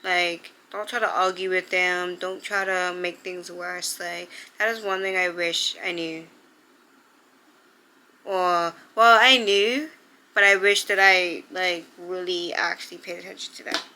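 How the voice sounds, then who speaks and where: A woman's voice: lowish voice, steady tone, a little slow, sharp tone, a little hiss or hum, low-quality recording. A young woman vlogger sitting down to give heartfelt advice, earnest and emotional, close to tears. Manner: earnest, heartfelt, full of "like" fillers. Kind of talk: sit-down advice vlog.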